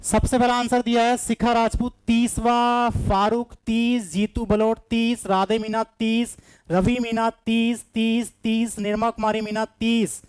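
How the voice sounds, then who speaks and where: High-voiced coaxing male teacher. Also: flat delivery, a little slow, clear, resonant tone, no echo. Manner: coaxing, repetitive, reads out students' answers by name. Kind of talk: live online maths reasoning class.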